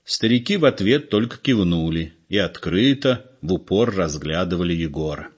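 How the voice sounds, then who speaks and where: Lower-voiced male reader, lively intonation, dull lo-fi audiobook. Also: moderate pace, slightly rough. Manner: expressive, storytelling. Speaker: narrator. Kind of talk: literary audiobook reading. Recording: dull lo-fi recording.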